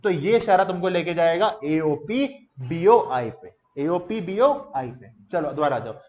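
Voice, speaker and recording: High-voiced man teaching a lively class. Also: measured pace, roomy sound, highs cut off, faint music behind. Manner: lively, quizzing students in call-and-response drills. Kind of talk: classroom lecture. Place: classroom with students.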